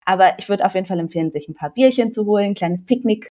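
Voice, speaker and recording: A young woman from Germany joins a podcast as a guest. She talks in a relaxed, casual way and gives travel tips with plenty of enthusiasm. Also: mid-range voice, fast.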